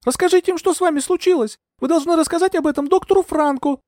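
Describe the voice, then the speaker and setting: A man reading an audiobook, voicing a desperate young woman heroine in pleading, shouted protests. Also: extremely high pitch, fast, no echo, studio quality, pitched above the performer's own voice. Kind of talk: audiobook character voice.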